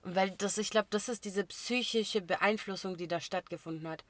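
A young woman co-hosting a podcast, telling stories in a lively way with casual slang. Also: medium pitch, moderate pace, no echo. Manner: animated storytelling with slang. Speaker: podcast co-host.

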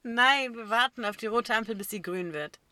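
Bright, high-voiced woman chatting casually. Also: moderate pace, no room sound. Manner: lively storyteller, bursts into loud laughter. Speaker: podcast co-host. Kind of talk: casual chat.

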